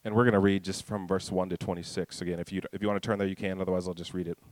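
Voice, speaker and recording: Low-voiced, casual male preacher. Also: level tone, no echo. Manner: informal, with restarts and asides, reads scripture slowly. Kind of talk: conversational Bible teaching.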